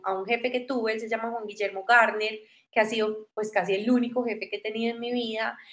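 A woman in her thirties with a Medellín Colombian accent, telling her story in a lively, casual interview. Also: on the high side. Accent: Medellín Colombian Spanish. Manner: animated, acts out quoted voices. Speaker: guest.

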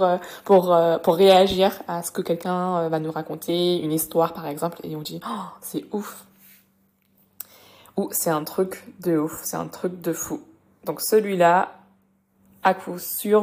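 A young woman hosting a casual podcast lesson, chatting and explaining slowly with many fillers and repetitions. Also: lowish voice, a little mellow. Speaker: French teacher and podcast host.

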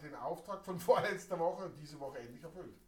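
Low-pitched woman, hesitant joker, roomy echo, crowd noise. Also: lively intonation, moderate pace. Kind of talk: casual tipsy chat.

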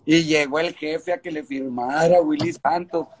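A man's voice: on the high side, fairly even intonation, measured pace. A man with a northern Mexican accent chatting casually in an interview, full of street slang and swearing, repeating phrases for emphasis. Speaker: skateboarding event organizer.

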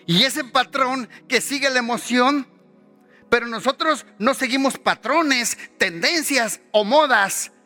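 High, bright-voiced pastor preaching. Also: male voice, slow pace, soft background music. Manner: passionate preaching, repeating phrases, rising pitch on quoted voices. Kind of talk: sermon.

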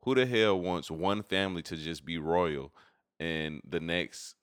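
A man's voice: low-pitched, a little slow, clean tone, dry recording, clean studio sound. A man talking casually and plainly in slangy, opinionated conversation.

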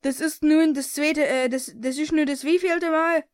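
A woman's voice: high-pitched, steady tone, normal speed, dry recording, clean studio sound, natural voice. A woman reading the lines of an angry male school principal from her own story. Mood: scolding.

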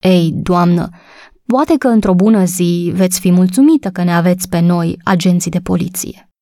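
A woman reading a storybook voices a male police sergeant who speaks in a formal, calming, polite way. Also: lowish voice, dry recording, clean studio sound, natural voice. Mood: placating.

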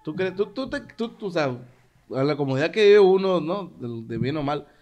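Young male co-host, casual, halting, slangy. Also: fairly high pitch, big pitch swings, darkish tone. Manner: slangy, halting, searches for words. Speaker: podcast co-host. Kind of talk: casual chat.

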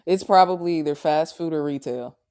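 A woman chatting casually in a relaxed, laid-back way. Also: sits low, brisk, smooth. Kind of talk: casual chat.

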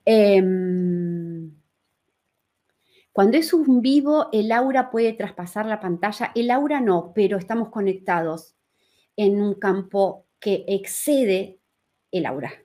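A woman gives a spiritual talk on a live stream. Her voice sits at a middle pitch, and she explains her points calmly and checks in with her listeners. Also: takes it slowly.

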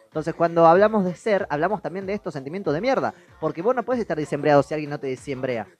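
A man's voice: fairly high pitch, animated, fast talker, darkish tone. A man hosting a casual podcast, teasing and pressing his co-hosts with questions. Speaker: podcast host.

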